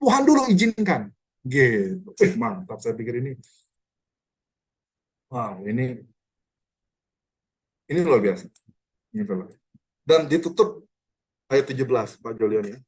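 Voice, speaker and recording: A man, a pastor, teaching a Bible study online in an animated, conversational way, quizzing listeners by name. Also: mid-range voice, a little slow, long pauses, breathy edge. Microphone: online video call.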